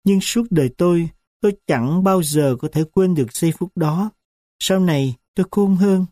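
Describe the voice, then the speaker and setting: A man narrating a storybook in a slow, solemn, reflective way. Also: sits high, warm tone, no echo, studio quality.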